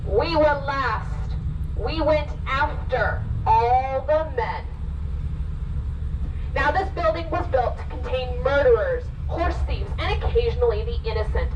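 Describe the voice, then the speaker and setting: A woman working as a ghost tour guide, telling scripted spooky stories theatrically, with deliberate dramatic pauses. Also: high voice. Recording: muffled, noisy recording from a distance.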